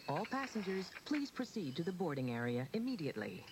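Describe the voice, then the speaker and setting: A woman voicing a spaceport gate announcer, speaking calmly and formally in public address announcements that follow a chime. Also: fairly low pitch, background noise. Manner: calm, formal, measured delivery. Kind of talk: scripted terminal announcements.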